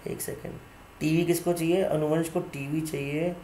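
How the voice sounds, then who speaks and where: Male teacher joking around with students in live class, a bit high voice, echoey room, faint hum behind. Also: little pitch movement, moderate pace, warm tone. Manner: playful, teasing students by name from chat; mixes Hindi and English terms.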